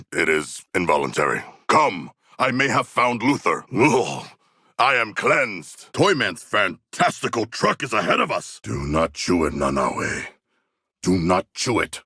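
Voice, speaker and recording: Deep, gravelly, formal shark-man. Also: no room sound, clean studio sound, heavily acted. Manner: formal, stilted, articulate, deadpan. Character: hulking shark-man, formal, earnest, bloodthirsty. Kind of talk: video game voice lines.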